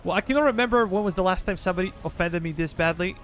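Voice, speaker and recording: A man from Serbia streams a strategy game, his high-pitched, fairly bright voice coming rapid-fire in a Serbian accent. With faint music behind him, he casually commands his troops and banters with viewers.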